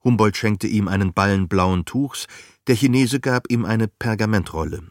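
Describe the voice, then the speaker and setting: Low dude narrating an audiobook, calm measured read, super dry sound. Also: male voice, no room sound. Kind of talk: scripted narration.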